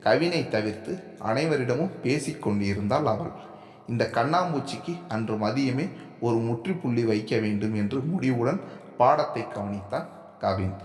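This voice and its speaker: A man narrating a serialized family story in a steady, measured reading voice. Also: medium pitch. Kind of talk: scripted narration. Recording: echoey room with long reverb.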